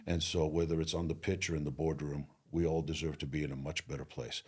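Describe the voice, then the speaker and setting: Middle-aged male coach-speaker from Greece. Very deep and husky, earnest and motivational in interview. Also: flat delivery. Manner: earnest, motivational, slows down on key phrases. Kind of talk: interview conversation.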